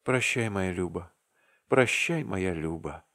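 A man's voice: lowish voice, expressive, normal speed. A man reading aloud and voicing a meek young clerk, delirious and heartbroken, who pleads in an anguished, half-whispered voice. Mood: grief-stricken.

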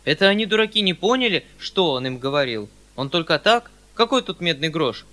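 A male reader plays a kindly older landowner uncle, fussing and hurrying over his words. The voice is raised, loud and bright. The manner is excitable and slightly pleading. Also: on the high side, voice pushed up. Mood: flustered eager. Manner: fussy, hurried, excitable.

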